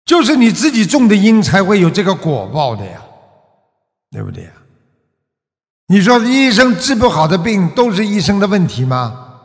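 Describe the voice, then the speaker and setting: Male Buddhist preacher, slightly high voice with a lively, swinging delivery, rhetorical questions. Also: in a large hall. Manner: rhetorical questions, frequent drawn-out "ah" particles. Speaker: Buddhist master. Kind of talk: Buddhist sermon.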